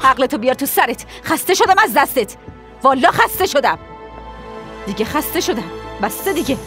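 A woman's voice: high-pitched, lively intonation, over music. A woman voicing a fierce mother who berates and threatens her grown son in a dubbed TV drama. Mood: weary scolding.

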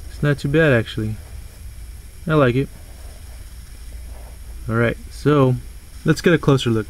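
A man's voice: mid-range voice, darkish tone, poor audio. A man doing a casual toy review, rambling loosely, tripping over words and swearing offhand.

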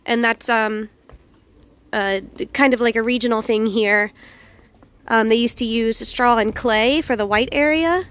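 A woman vlogging casually while walking outdoors through an old town, chatty and slightly hoarse, with lots of fillers. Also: a little high, unhurried, a bit bright. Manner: chatty, laughs often, hesitant fillers. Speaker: travel vlogger.

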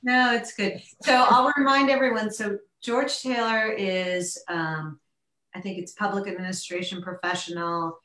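A woman chairing a public town board meeting, talking in a halting way with many fillers and restarts, over a remote video meeting. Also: mid-range voice, fairly even intonation, sharp tone, roomy sound.

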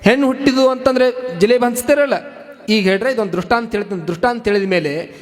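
A man's voice: extremely high pitch, fast talker. A man with a North Karnataka Kannada accent preaching a devotional sermon as a story, repeating phrases and putting rhetorical questions to the audience. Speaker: religious preacher.

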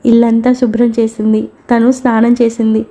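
Woman reading a novel in a mellow, steady voice. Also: a little high, moderate pace. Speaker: storyteller.

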